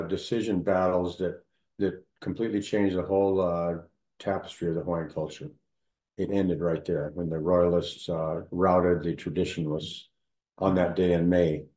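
Male storyteller, very low pitch, halting casual delivery, echoey room. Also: mellow. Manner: storytelling, halting with many fillers and restarts. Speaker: local history storyteller. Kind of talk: casual conversation.

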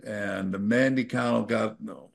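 A male talk radio co-host with a gravelly texture to his voice. He banters loosely and teases his partner, and he laughs often as he talks. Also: fairly low pitch, steady tone, a little slow. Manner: jokey, teasing, laughs often.

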